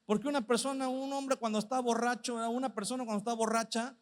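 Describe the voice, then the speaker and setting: A man preaching a sermon. He asks the congregation many rhetorical questions and slows right down when he reads Bible verses. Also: extremely high pitch, steady tone, in a large hall.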